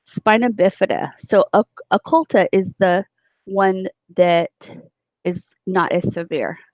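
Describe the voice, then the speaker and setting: A woman's voice: mid-range voice, slow pace, darkish tone, no echo. A woman teaching a nursing class, explaining step by step with many fillers and restarts. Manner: explanatory, with frequent fillers and self-corrections. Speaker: nursing instructor. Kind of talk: recorded lecture.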